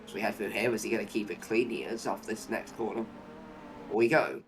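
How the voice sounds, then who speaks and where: A man's voice: lowish voice, fairly quick, background noise. A man commentating live on a motor race, play-by-play, narrating each move and posing running questions.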